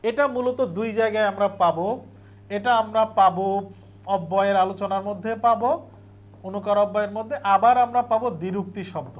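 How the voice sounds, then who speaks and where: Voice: medium pitch, brisk. A teacher giving an exam revision lecture, explaining step by step and repeating key points for emphasis.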